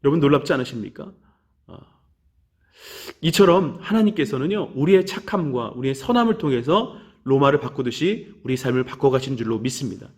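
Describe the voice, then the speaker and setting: A man's voice: mid-range voice, very animated, a little fast. A man preaching a children's sermon in a church, telling a story animatedly and acting out the voices of the people in it. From Korea. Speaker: children's pastor.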